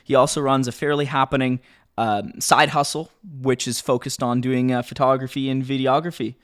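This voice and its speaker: A man's voice: mid-range voice, fairly even intonation, moderate pace, a bit bright, smooth. Guy hosting a podcast, easy conversational chat, lots of likes and you knows. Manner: conversational, many "like" and "you know" fillers. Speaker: podcast host. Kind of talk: casual interview talk.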